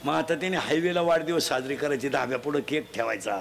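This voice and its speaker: A man giving a humorous moral sermon to a festival crowd, teasing and quizzing the children loudly. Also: fairly high pitch, fast talker, creaky. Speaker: folk preacher addressing a crowd. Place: outdoor festival gathering. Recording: noisy live crowd recording.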